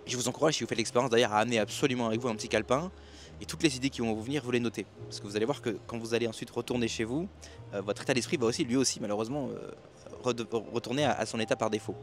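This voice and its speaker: Talking rapid-fire in a mid-range voice, a self-help and expat business YouTuber delivers a rambling, motivational night-time monologue by the sea, restarting often and using many fillers. Soft music plays in the background.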